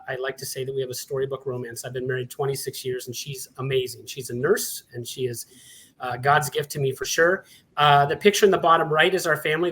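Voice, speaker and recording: This conference presentation features a man in his 40s from Montana serving as session host and panelist. His voice leans high with a fairly bright tone, and his manner is warm, chatty, and self-mocking.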